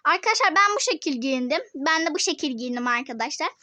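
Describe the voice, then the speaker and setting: Bubbly high-voiced vlogger girl. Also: expressive, fast talker, pushed and bright, no echo. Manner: bubbly, keeps addressing viewers as friends. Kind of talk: casual chatty vlog. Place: indoors at home, then a dress shop.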